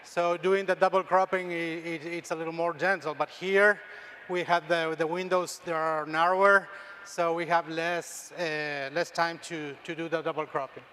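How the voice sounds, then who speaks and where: A man's voice: fairly high pitch, little pitch movement, moderate pace, bright, forceful tone, slight background noise. A middle-aged man from Argentina with an Argentine Spanish accent, presenting research slides at a conference, often restarting words and checking in with "okay?". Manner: frequent restarts and tag "okay?". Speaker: extension dairy scientist, presenter.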